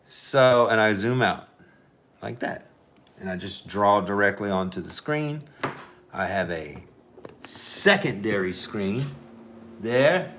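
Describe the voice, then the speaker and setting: Man, lowish pitch, casual livestream chat, rambling, thinking aloud, occasional amateur French phrases, noisy background. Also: lively intonation, slow, long pauses, fairly bright tone. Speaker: artist streaming a drawing session.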